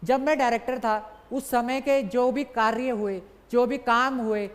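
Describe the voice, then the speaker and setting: A young man gives an exam-prep lecture in a brisk, coaxing way, calling his students "sir" again and again and hammering key points through repetition. His voice carries a long, lingering reverb, as if recorded in a large hall. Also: very high-pitched, steady tone. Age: young adult. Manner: repeats key points for emphasis. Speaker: exam tutor.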